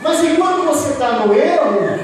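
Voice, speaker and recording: High-voiced preacher in echoey hall. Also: male voice, expressive, normal speed. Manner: impassioned, rhetorical questions to the congregation. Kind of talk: sermon. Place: church hall. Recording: echoey hall, distant mic, faint noise.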